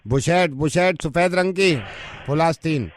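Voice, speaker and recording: A man's voice: a little high, normal speed, slight background noise. Man haggling casually over a call. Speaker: radio prankster.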